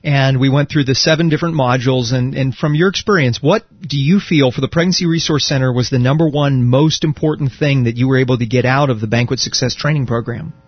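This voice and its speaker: A man hosts a call with a slightly husky voice that sounds dry and dulled by the phone. He speaks in a polished, upbeat interviewer's manner. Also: medium pitch, fast talker, hardly any pauses, dry recording, dull audio. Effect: heard over the phone. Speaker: host.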